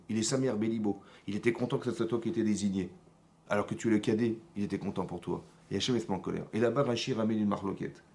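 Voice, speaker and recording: A man, a rabbi, giving a Torah lesson in a synagogue, repeating himself and often asking whether his listeners understand. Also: on the low side. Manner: animated, repetitive teaching with checks for understanding.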